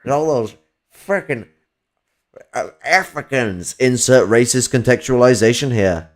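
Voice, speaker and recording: A man from Northern England chats casually about politics on a stream in a medium-pitched, animated, unhurried voice that sounds slightly whiny. He rambles, swears a lot, and fills his talk with fillers and restarted sentences.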